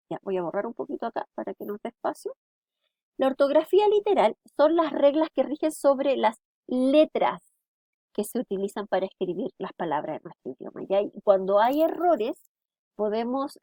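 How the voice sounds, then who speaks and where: Female teacher, higher voice, dry recording, lecture delivery. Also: darkish tone, no echo. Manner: explanatory, frequent tag "¿ya?".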